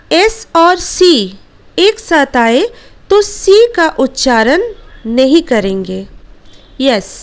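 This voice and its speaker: High-voiced Indian woman teaching English. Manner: switches between Hindi and English, repeats rules slowly. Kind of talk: online language lesson.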